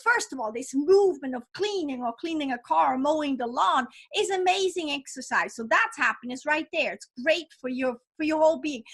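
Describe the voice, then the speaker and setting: Non-native english speaking lady, high voice, chatting all upbeat on a podcast. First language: not English. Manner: enthusiastic, upbeat, animated. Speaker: podcast guest, author. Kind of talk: casual interview chat.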